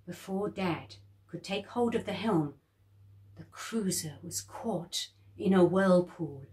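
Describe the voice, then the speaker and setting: Reading slowly, a woman brings a children's story to life with expressive energy, pitching her voice up for the children's lines.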